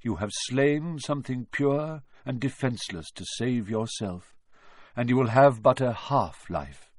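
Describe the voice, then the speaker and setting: A man voicing a noble young male centaur who speaks gravely and protectively, low and measured in an audiobook reading. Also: expressive, darkish tone, no room sound, studio quality. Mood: grave, hushed. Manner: solemn, low and measured, bellowing when angered.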